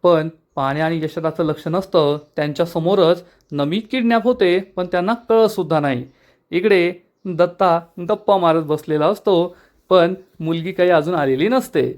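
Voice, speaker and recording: A man with a high voice narrates a TV serial episode in a casual, chatty retelling. He talks in a lively way and voices the characters as he goes. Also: normal speed.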